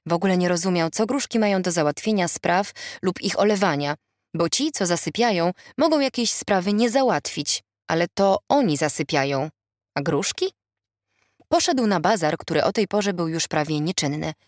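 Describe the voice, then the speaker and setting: A woman with a fairly low voice reads a humorous novel aloud in a wry, measured way. She is recorded close to the mic in a dry studio. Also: lively intonation, dry recording. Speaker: audiobook narrator. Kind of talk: scripted narration.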